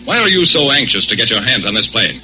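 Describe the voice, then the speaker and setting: An actor playing an authoritative, steady American aviator captain, commanding and formal, in a 1940s radio drama. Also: male voice, lowish voice, quick pace, soft background music, heavily acted. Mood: firm, stern. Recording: very noisy, muffled 1940s radio recording.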